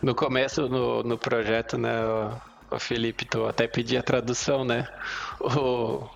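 A Brazilian man co-hosting a casual podcast chat, talking in a halting way with pauses and restarts. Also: medium pitch, level tone, creaky, lo-fi sound. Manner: halting, many fillers and restarts. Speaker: podcast co-host, developer.

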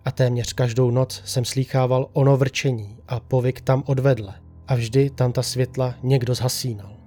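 A man reading a first-person horror story aloud in a slow, hushed, suspenseful way. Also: mid-range voice. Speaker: narrator. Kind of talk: scripted horror story narration.

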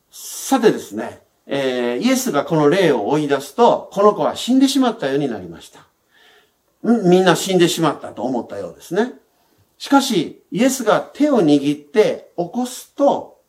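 Lively male pastor giving a sermon. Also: on the high side. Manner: conversational, explanatory, with frequent softening sentence endings.

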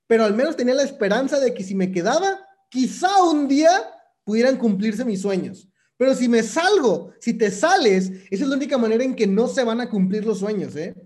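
A young man with a Mexican accent delivers a motivational talk in a loose, slangy way. He sits high in his range with a soft, mellow tone. He stresses his points by saying them twice. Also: lively intonation, brisk. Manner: casual, slangy, emphatic with repetition. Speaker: motivational speaker. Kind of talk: motivational monologue.

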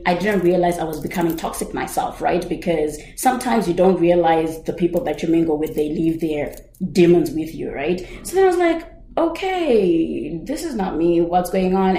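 A woman hosting a podcast, sharing a personal testimony in an animated, chatty way and often asking "right?". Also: on the low side, reverberant, a little hiss or hum, rough recording. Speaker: podcast host.

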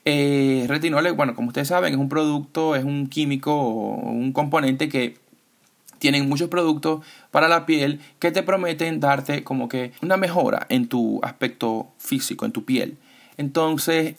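A man telling a funny anecdote in a casual, amused, chatty way. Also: a little high. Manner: chatty, amused, acts out the people in his story. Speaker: podcast storyteller.

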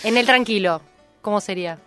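A woman's voice: medium pitch, a little fast, fairly bright tone. A woman, hosting a radio interview and prompting the guest with questions. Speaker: radio host. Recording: radio studio with faint music.

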